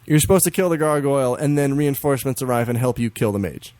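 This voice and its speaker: A man co-hosting a podcast in casual chat, swearing freely, laughing often and jumping into high silly voices to mimic games. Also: fast talker, a little mellow, dry recording. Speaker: podcast co-host.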